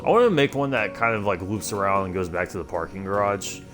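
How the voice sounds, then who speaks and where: A male streamer with a deep voice, slightly nasal and stuffy from allergies, rambles through a casual gaming livestream. He's animated and fast, linking loose thoughts with fillers and restarts, while music plays clearly behind him.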